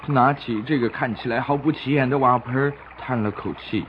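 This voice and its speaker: A man's voice: medium pitch, a little fast, background noise. A man narrating a scripted story for children, explaining things simply and expressively as if to small listeners. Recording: dull lo-fi recording with music behind.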